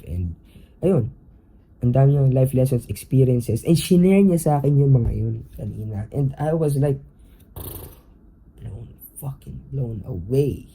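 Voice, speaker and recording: A young Filipino man with a medium-pitched voice hosts a podcast, casually telling a story in mixed Tagalog and English. His Taglish chatter is animated and packed with fillers, and the recording is rough.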